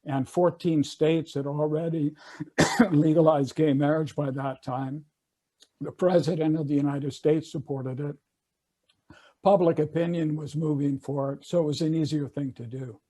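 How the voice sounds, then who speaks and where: Here an older man, an attorney serving as a panelist, speaks a little slowly in a fairly high, warm voice with a steady tone. Talking over a video call, he drifts through legal history in a relaxed, conversational way, full of fillers and false starts.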